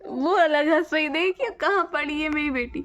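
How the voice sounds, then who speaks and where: A woman's voice: sits high, normal speed, noisy background. A young mother coaxing her baby twins in sing-song baby talk, repeating their pet names.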